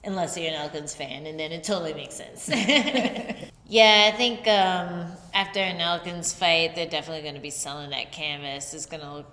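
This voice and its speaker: A young woman co-hosting a casual talk, joking and laughing often. Her voice is bright and forward. The sound is roomy, with a long reverb trailing her words. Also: low-pitched, normal speed. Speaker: podcast co-host. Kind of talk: casual chat. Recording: echoey room with long reverb.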